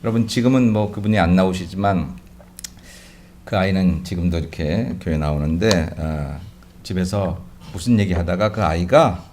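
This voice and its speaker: A man pastor preaching a sermon, swinging between loud exclamations and quiet asides and putting rhetorical questions to his congregation. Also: low voice, moderate pace, a little hiss or hum.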